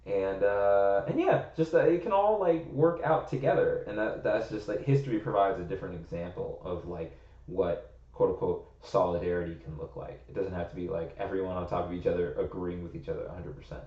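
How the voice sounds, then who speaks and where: Speaking fairly quickly in a low voice, this young man from the United States co-hosts a podcast and chats casually, thinking aloud and saying "like" constantly. The audio is roomy and slightly muffled.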